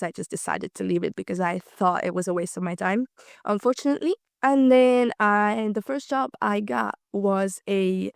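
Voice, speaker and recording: With a mid-range voice that's gravelly yet smooth, a twenty-something woman from Slovakia whose first language is Hungarian talks easily in a conversational interview. She says um often and laughs lightly. The recording is studio quality, free of room sound.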